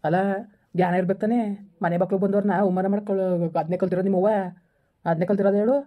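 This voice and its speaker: A man playing the husband in a family drama skit berates his wife on a phone call, angry, insistent and repetitive. He talks in rapid bursts with a high-sitting voice that stays level in tone.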